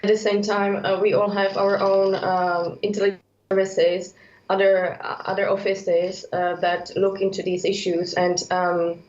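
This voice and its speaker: A woman from the Czech Republic, a political analyst joining by video call, speaking haltingly with many fillers. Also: mid-range voice, little pitch movement, darkish tone. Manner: halting, heavy use of uh fillers. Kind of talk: remote expert commentary. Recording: echoey muffled remote link.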